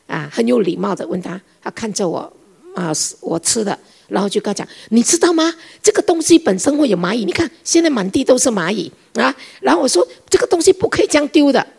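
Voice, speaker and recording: A middle-aged woman giving a sermon, telling a family story in an animated way and acting out the dialogue. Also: mid-range voice, gravelly, slightly rough. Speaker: preacher.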